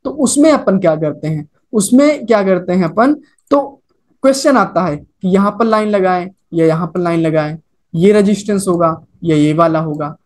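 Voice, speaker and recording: Over a chart in a screen-recorded lecture, a man with a high, animated, slightly mellow voice teaches trading at a normal speed. He keeps it casual, drops in English trading terms, repeats himself and checks in with "okay" and "right?".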